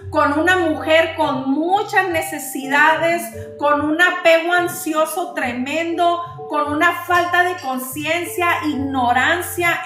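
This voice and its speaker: A woman giving an emotional personal testimony to her audience, speaking slowly and repeating her phrases. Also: high-pitched, fairly bright tone. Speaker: host of a live talk. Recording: roomy sound with faint music.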